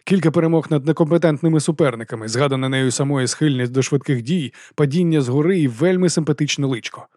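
A man reading an audiobook novel in a measured, expressive way. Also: on the high side, no room sound, studio quality. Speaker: audiobook narrator. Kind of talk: scripted narration.

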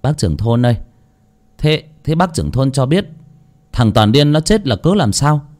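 A man's voice: medium pitch, sing-song, moderate pace, a little mellow, pitched above the performer's own voice, lightly acted. A man doing a timid stammering villager. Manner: hesitant, stammering. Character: timid male villager asking a question.

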